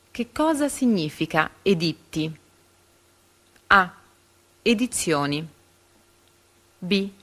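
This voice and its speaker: A woman reading reading-comprehension quiz questions and answer options aloud, pausing carefully after each letter. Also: lowish voice, fairly bright tone.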